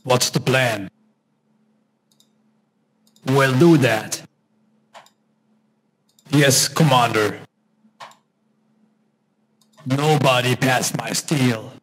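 A man voicing a huge male android combat unit in a game, his voice disguised deeper and run through a processed android filter. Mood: clipped. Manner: disguised deeper voice, slow clipped orders.

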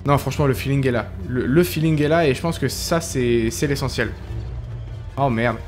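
A young man chatting excitedly and casually while commenting on his gameplay. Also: medium pitch, moderate pace. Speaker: gaming youtuber. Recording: voice over game music.

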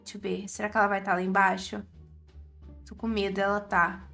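A woman's voice: medium pitch, flat delivery, fairly quick, creaky, sharp tone, faint music behind. A woman with a Brazilian Portuguese accent giving chatty, exclaiming gameplay commentary to her viewers as the host of a gaming channel.

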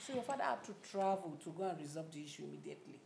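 A gravelly explaining mother. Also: sits low, expressive, very fast, darkish tone, echoey room, slight background noise, heavily acted.

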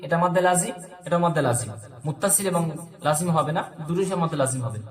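A man with a fairly high voice teaches tajweed in a roomy, echoing space. He chants each phrase slowly and deliberately, then switches to brisk spoken explanation. He speaks with a Bangladeshi Bengali accent. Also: lively intonation. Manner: drawn-out slow recitation alternating with quick explanation. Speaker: Quran recitation teacher. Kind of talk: tajweed lesson with slow demonstrations.

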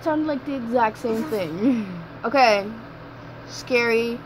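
A woman's voice: on the high side, lively intonation, slow, noisy background. A young woman chatting casually in a reaction video, playful and blunt. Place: small dim bedroom.

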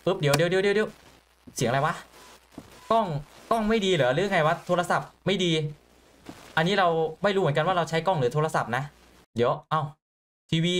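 A young man giving excitable let's play commentary on a horror game. He gets jumpy and stammers, repeating words when startled. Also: fairly high pitch. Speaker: gaming YouTuber.

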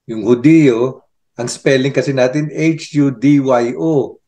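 An older man co-hosting a casual chat, thinking aloud with halting restarts. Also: mid-range voice, fairly even intonation, warm tone. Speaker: co-host.

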